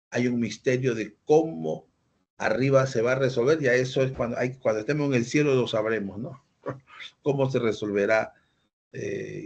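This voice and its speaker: A man's voice: medium pitch, a little mellow. A man preaching a sermon, teaching through rhetorical questions and acted-out quotes. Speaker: pastor.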